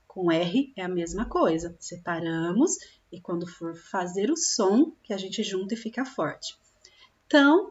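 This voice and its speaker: A woman teaching young children, slowly drawing out syllables and often checking in with them. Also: medium pitch, darkish tone, lo-fi sound. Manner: slow, drawn-out sounding of syllables, with frequent check-in questions. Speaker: primary school teacher. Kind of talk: recorded classroom lesson for young children.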